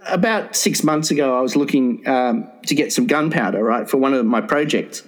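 A man's voice: medium pitch, moderate pace, poor audio. An Australian man telling a comic anecdote in casual chat, rambling and digressing like a scattered lecturer, with plenty of swearing.

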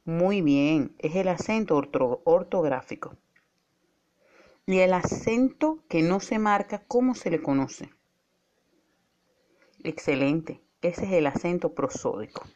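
In a muffled recording, a woman teacher presents a scripted spoken lesson, speaking clearly and steadily and slowing down on key words. Her voice is on the low side with a darkish tone and lively intonation.

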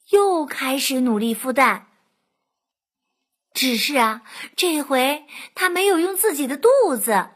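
A woman narrating a children's bedtime story in a gentle, drawn-out way. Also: sits high, breathy edge.

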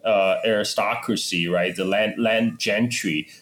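Halting, opinionated man. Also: lowish voice, steady tone, fairly bright tone, a little hiss or hum. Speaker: podcast co-host. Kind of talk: casual political discussion.

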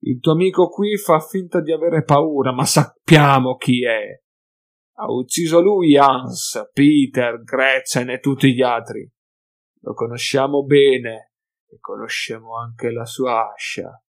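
A man's voice: medium pitch, takes it slowly. A man voicing a sly, suspicious male mutant pack leader who taunts his enemies in an emphatic, sneering way. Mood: taunting.

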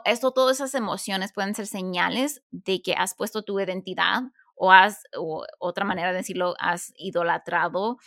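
A woman co-hosting a faith-based podcast, talking in a lively way and acting out the thoughts she quotes. Her voice is bright and a little gravelly, recorded dry and close. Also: on the low side, no echo. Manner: animated, acts out quoted thoughts, asks listeners questions. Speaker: podcast co-host.

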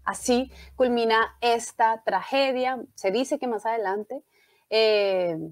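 A young woman casually retelling a tragedy, lively and acting out the lines she quotes. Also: a little high, dry recording. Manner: animated storytelling, acts out quoted lines.

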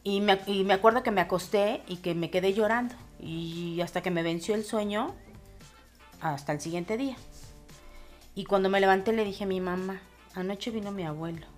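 A woman, a podcast co-host earnestly recounting a personal ghost story in an unhurried way. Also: medium pitch, soft background music.

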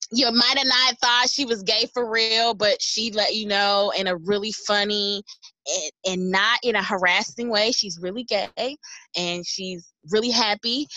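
Woman co-host, unhurried, bright ringing voice, emphatic. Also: mid-range voice, dry recording, rough recording. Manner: emphatic, repeats for effect. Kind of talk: casual podcast chat.

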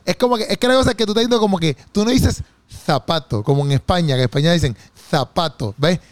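A man's voice: sits high, animated, fast talker, no room sound. A young Puerto Rican man with a Puerto Rican Spanish accent, co-hosting a casual chat show and teasing his partner. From Puerto Rico. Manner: playful, talks over his partner, teasing. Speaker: podcast co-host.

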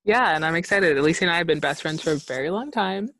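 A Bahamian woman in her twenties co-hosts a podcast from her own room, chatting casually and laughing easily. Her voice sits fairly low and sounds a bit bright and expressive, and she talks fast. There's slight background noise.

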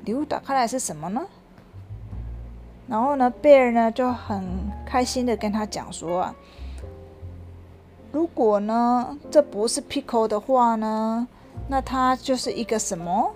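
A mother reading a picture book aloud to her child, lively and stopping to ask questions. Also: fairly high pitch, a little slow, pauses often, faint music behind.

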